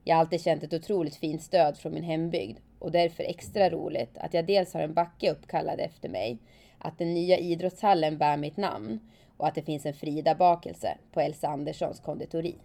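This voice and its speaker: Woman narrator, low and mellow, calm first-person storytelling. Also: creaky. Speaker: former alpine skier telling her story.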